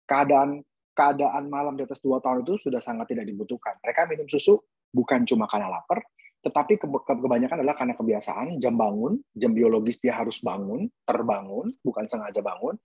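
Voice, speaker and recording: A man's voice: mid-range voice, quick pace, a little mellow, husky, no echo, highs cut off. A man who is a pediatric dentist, giving an earnest webinar talk to parents and posing emphatic rhetorical questions.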